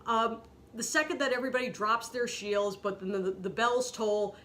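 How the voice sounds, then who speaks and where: Bright-voiced woman in an angry rant. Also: moderate pace, a little hiss or hum. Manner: heated, sarcastic, swearing, pitch swings up when outraged. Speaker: podcast host ranting about a TV episode.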